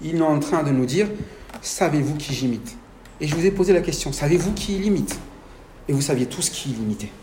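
A man's voice: on the high side, a little fast, echoey room, a little hiss or hum. A man from France with a French accent, preaching a sermon and putting questions to the congregation. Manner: animated, asks the congregation questions.

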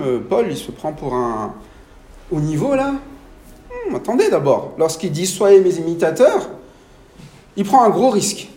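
A man's voice: sits high, roomy sound. A man from France with a French accent, preaching a sermon and putting questions to the congregation. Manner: animated, asks the congregation questions.

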